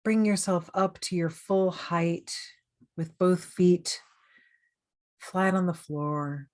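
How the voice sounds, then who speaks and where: A woman guides a meditation with a low, unhurried voice. She speaks softly and invitingly, drawing out her words with long pauses between them. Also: fairly even intonation. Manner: slow, soothing, gently inviting. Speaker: meditation coach.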